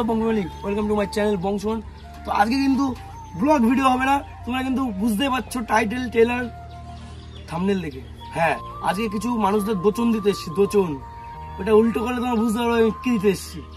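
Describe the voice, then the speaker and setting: A young man from West Bengal talks fast to his camera and answers the comments people have left about him. His voice sits very high for a man, and he keeps firing rhetorical questions back at his critics. A faint music bed runs under his talk. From West Bengal, India. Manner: defensive, rhetorical questions, calls viewers bhai. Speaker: vlogger.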